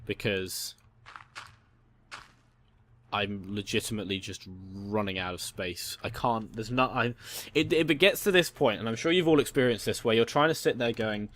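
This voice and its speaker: A young man rambling casually as he plays and comments on a game. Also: moderate pace. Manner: rambling storyteller, voices quotes high and loud. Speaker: gaming channel host.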